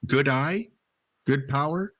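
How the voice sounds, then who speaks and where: A man's voice: mid-range voice, takes it slowly, fairly bright tone, no echo, studio quality. A man with a Canadian accent, chatting casually as the host of a show about a baseball card game.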